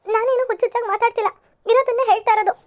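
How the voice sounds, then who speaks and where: A woman's voice: extremely high pitch, steady tone, rapid-fire. A woman voicing a stubborn, lovesick young woman in an amateur cartoon serial, pleading and often tearful.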